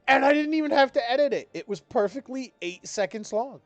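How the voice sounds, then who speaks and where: A man's voice: very high-pitched, lively intonation, brisk, no echo, highs cut off, soft background music. A young man streaming a game live, chatting casually in a laid-back, rambling way full of swearing. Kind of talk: casual live-stream chat while gaming.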